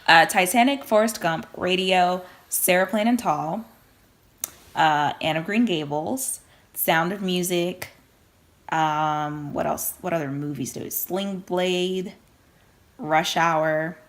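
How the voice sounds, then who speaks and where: A woman's voice: lowish voice, slow pace. A woman in her twenties co-hosting a casual couples vlog, playful and teasing. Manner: playful, teasing, laughs often. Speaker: vlog co-host. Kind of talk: casual chat.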